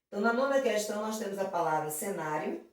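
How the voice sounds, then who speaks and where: A woman teacher runs an exam prep lesson, working through exam questions fast, with lively intonation at a medium pitch. She talks affectionately, using lots of diminutives and constantly checking in with her students. The room is very echoey and the mic is far off.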